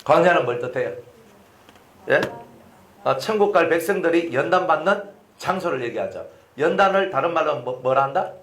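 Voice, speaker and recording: A man's voice: on the high side, normal speed, reverberant, a little hiss or hum. A man preaching a sermon, asking his listeners questions and acting out the lines of the people in his story. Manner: animated, asks the congregation questions and acts out quoted lines. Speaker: pastor.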